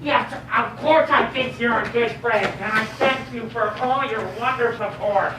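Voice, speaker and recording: Woman playing flustered stage hostess, brisk and polite; far off in a very echoey hall. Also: on the high side, close to an everyday voice. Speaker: stage actor. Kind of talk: live stage comedy acting. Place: theater stage. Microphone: distant room mic. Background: audience sounds and room noise.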